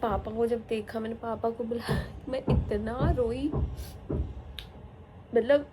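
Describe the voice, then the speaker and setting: A woman's voice: a little high, steady tone, slow pace, warm tone, a little hiss or hum, rough recording. Candid young new mother vlogging. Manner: emotional, candid, mixes English into her talk. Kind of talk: casual vlog talk to camera.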